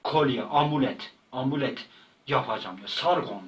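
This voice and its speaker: A man's voice: medium pitch, moderate pace, far from the mic, low-quality recording. A man telling a rambling comic story in casual slang, often repeating and stumbling over words. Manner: repetitive, slangy, stumbling retelling. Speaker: channel host.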